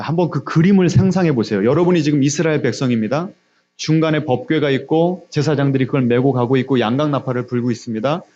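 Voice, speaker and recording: A middle-aged man preaching at an early-morning service, his fairly high voice rising as he presses the congregation with question after question. The recording is dull and lo-fi, as if from a church stream. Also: a little mellow. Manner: questioning the congregation, emphatic rises. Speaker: pastor. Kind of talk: sermon. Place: church sanctuary, also streamed on video call.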